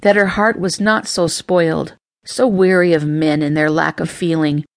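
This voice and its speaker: A woman narrates a fanciful romance in a gentle, measured way. Her voice sits a little low, and the sound is dry and close, with no room around it. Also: steady tone, dry recording. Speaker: audiobook narrator. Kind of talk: scripted narration.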